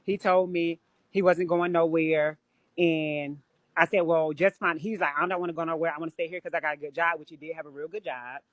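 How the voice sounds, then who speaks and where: This low-voiced woman talks a little fast with fairly even intonation, and the phone or webcam recording has no echo. Chatting casually on her live stream, she tells stories bluntly and swears a lot.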